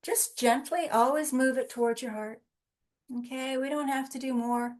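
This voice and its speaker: A woman leading a wellness session over a video call, with a calm, instructing manner, speaking directly to her listeners. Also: high-pitched. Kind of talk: guided relaxation and live workshop talk.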